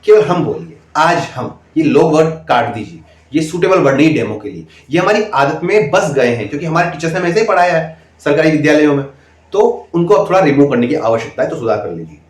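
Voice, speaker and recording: A man with a fairly high, very animated voice talks fast as he coaches interview candidates on speaking, straight to the camera. He's emphatic and repetitive, often asking "okay?", and the room he's in is echoey.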